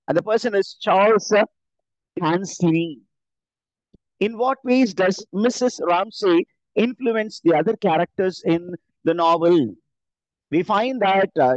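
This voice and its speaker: Guy teaching mcqs, high voice, dull dry webcam sound. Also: dry recording. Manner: asks a question then answers it, frequent "uh" pauses. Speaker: English teacher. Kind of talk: exam-prep lecture.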